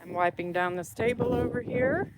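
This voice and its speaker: Heavy background noise surrounds a fairly high-pitched woman speaking at normal speed. She's a middle-aged vlog host in a dusty country barn, nasal and congested from the dust, casually and upbeatly talking to viewers while she works.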